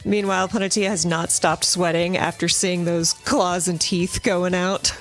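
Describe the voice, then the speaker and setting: A woman's voice: on the low side, little pitch movement, unhurried, soft background music, poor audio. A woman chatting casually and dryly as a player on a tabletop game podcast. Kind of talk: casual banter.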